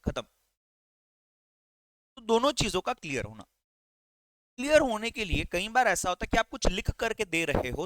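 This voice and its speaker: A male teacher with a high, bright voice that swings widely as he lectures. He checks in with his listeners often, asking whether they follow. It is recorded close and dry, with no room sound. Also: no room sound, rough recording. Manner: animated, keeps checking understanding with quick questions.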